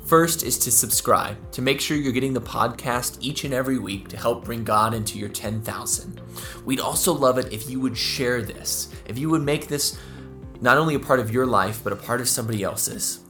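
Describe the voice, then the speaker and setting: A man's voice: mid-range voice, normal speed, soft background music. A man, an associate pastor, reading a scripted outro to his podcast in an inviting tone. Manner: read from a script, warm invitation.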